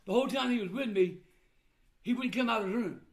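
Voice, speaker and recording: Older man, high-pitched grandfatherly voice. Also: fast talker. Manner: old man's plain, blunt grandfatherly talk. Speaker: vlogger recounting family troubles. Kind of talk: casual personal talk to viewers.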